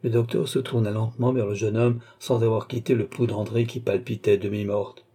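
Dark, husky male audiobook narrator. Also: lowish voice, level tone, fairly quick.

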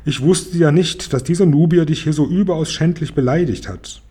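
A man's voice: a little high, normal speed, warm tone, husky. A man voicing a grovelling, boastful merchant in a children's audiobook, eager and theatrical. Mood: fawning. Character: fawning, boastful male merchant.

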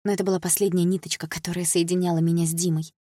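Low, husky woman reading an audiobook. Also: level tone, very fast, dark tone, no room sound, studio quality. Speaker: audiobook narrator. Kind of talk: first-person audiobook narration.

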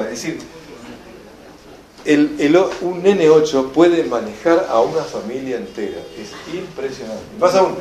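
Man, Rioplatense accent, lively lecturer, fairly high voice, roomy echo. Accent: Rioplatense Spanish. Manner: animated storyteller, acts out shouted quotes. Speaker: enneagram teacher.

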